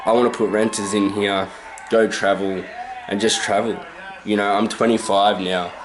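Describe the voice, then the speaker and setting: Over a noisy background, a man in his twenties with an Australian accent speaks in a low, level voice at normal speed. He's a vlogger filming himself with a handheld camcorder inside his house, telling a casual, rambling story full of self-corrections and chuckles.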